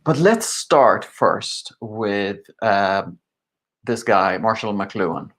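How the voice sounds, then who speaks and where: A man in his forties, from Sweden, giving an online conference talk in a relaxed way, with many fillers. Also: fairly low pitch, drawn-out words. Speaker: conference speaker.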